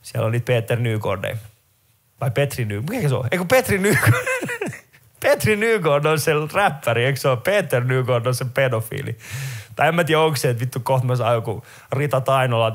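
In a stand-up routine, a middle-aged man with a Finnish accent animatedly recounts stories, voicing the characters in a high register.

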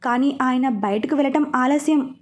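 A bubbly, teasing young heroine who chatters and loves to mimic, as a woman reads her lines. The voice sits high and bright, quick with playful jabs. It comes across as a storybook read aloud. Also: lightly acted. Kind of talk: storybook dialogue reading.

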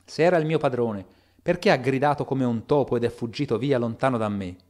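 A loyal, frightened old butler, read by a man in an audiobook. He speaks with urgency and a pleading tone, his voice rising when he insists. The pitch sits in an ordinary middle male range. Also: a little fast, a little mellow, natural voice. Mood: fearful.

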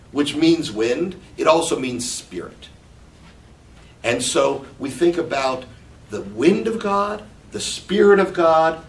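A man teaching from scripture in a slow, reflective way, explaining the meaning of Hebrew words. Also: a little high. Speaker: Bible teacher. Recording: echoey room, mic at a distance, faint background noise.

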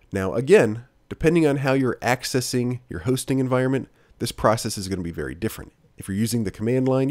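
Low-voiced man explaining a screencast tutorial. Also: dry recording. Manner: steady, explanatory, plain-spoken. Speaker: instructor.

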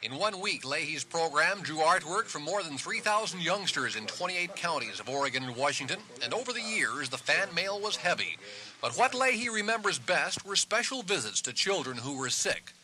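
Male TV reporter voice-over, wry and measured, bright, fairly high, animated delivery. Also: poor audio. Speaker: field reporter. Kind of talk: scripted narration.

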